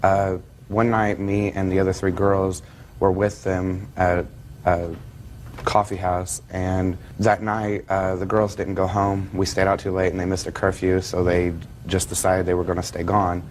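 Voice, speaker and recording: A man's voice: deep voice, completely flat delivery, unhurried, darkish tone, a little hiss or hum. A seventeen-year-old American male giving courtroom testimony as a plaintiff, hesitant and polite. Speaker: young plaintiff.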